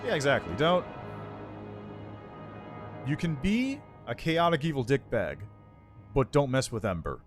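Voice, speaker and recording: A man's voice: mid-range voice, very animated, a little slow, pauses often, soft background music. A man chatting casually as he streams and comments on a game live.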